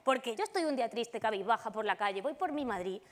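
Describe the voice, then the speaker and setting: A woman from doing a lively stand-up comedy monologue on a theater stage, acting out the people in her stories. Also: a little high, fast. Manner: lively storytelling, acting out quoted voices. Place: theater stage with live audience.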